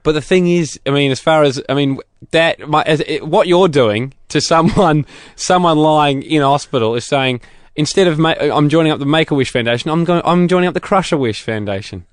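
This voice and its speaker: A man's voice: a little high, moderate pace, smooth, dry recording. A young man co-hosting a comedy radio show, teasing his partner and rambling through stumbling restarts. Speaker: radio co-host.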